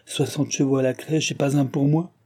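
A man's voice: mid-range voice, fairly even intonation, moderate pace, a little mellow, voice pushed up, lightly acted. A man voicing an arrogant, impatient young nobleman who bullies a postmaster. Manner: arrogant, imperious, raised voice. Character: haughty impatient young nobleman, quick-tempered.

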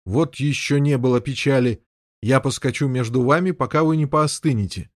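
A man voicing a calm, stern noble knight who speaks in measured tones. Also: medium pitch, dry recording, clean studio sound, lightly acted.

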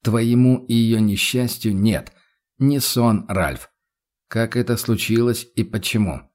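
Guy voicing a calm stern investigator, even and pushy with his questions. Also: medium pitch, takes it slowly, natural voice. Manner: restrained, level, insistent questioning.

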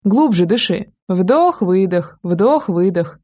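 A woman reading the lines of a calm, good-natured male estate guard in an audiobook, coaxing and unhurried. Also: mid-range voice, breathy edge. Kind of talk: audiobook character voice.

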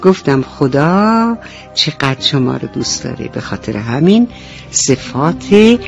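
A woman radio storyteller with a low-sitting voice narrates a bedtime story for children, speaking affectionately and addressing the young listeners directly. Her pitch swings widely and she has vocal fry. The recording is dull, lo-fi radio with faint music.

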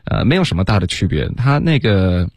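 A man teaching English pronunciation on a radio lesson, slipping English words into his talk and saying words over slowly. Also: fairly low pitch, big pitch swings, slightly rough, no echo.

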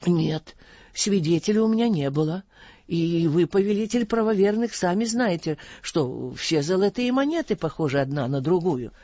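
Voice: mid-range voice, lively intonation, normal speed, mellow, no room sound, muffled recording. A reader voicing a frightened, scheming older merchant who pleads and wails in an audiobook. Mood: pleading. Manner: wailing, pleading.

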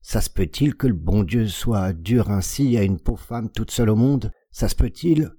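A man reading an audiobook and voicing a robust, hateful peasant woman of about forty who whines in a strained high falsetto and flares into furious shouting. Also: normal speed, breathy edge, no room sound, studio quality. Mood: whining. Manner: whining, hypocritical, turning to furious shouting.

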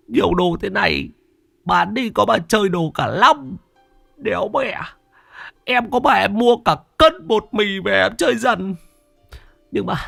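A man voicing a greedy, excitable young male thug in a high, stammering voice. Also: vocal fry, no echo, exaggerated voice.

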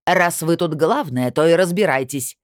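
A woman voicing an indignant, shrill woman official who shouts accusations, in an audiobook. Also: big pitch swings, moderate pace, dry recording, clean studio sound.

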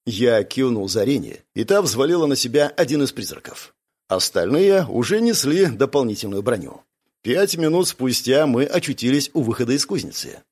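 A man's voice: medium pitch, very animated, normal speed, darkish tone, slightly rough. A man reading a first-person audiobook in a dry, matter-of-fact way. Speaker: audiobook narrator. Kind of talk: first-person scripted narration.

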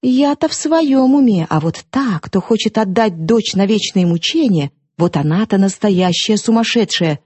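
A woman's voice: medium pitch, expressive, moderate pace, few pauses, breathy edge, no room sound. A woman reading an audiobook, voicing a defiant, mocking young woman who lashes out at her sister. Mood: scornful. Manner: sharp, mocking, impassioned outbursts.

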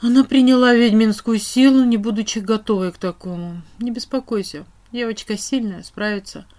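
A woman voicing a brisk, teasing witch whose voice turns strict and cold. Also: fairly high pitch, fairly even intonation, a little mellow, lightly acted.

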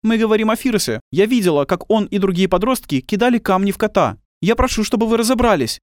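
A man voicing an indignant woman who stands up to police questioning, in a shrill, insistent voice. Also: lively intonation, fast talker, dry recording, studio quality.

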